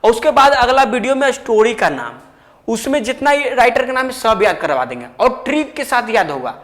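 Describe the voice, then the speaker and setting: High-pitched guy teaching exam tricks, jokey chatty, echoey room with long reverb. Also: brisk. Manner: chatty, jokey, colloquial, rises loud when excited. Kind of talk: exam tips lesson with memory tricks.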